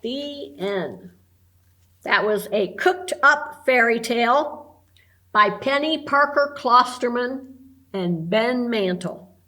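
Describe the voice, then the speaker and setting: A librarian woman reading a picture book aloud at storytime, clear and expressive. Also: a little high, slow pace.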